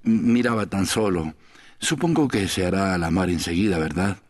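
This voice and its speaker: A man's voice: deep voice, moderate pace, slightly rough. A man voicing a small, nervous, evasive stranger in an audiobook, speaking hesitantly with stammers. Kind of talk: audiobook character voice.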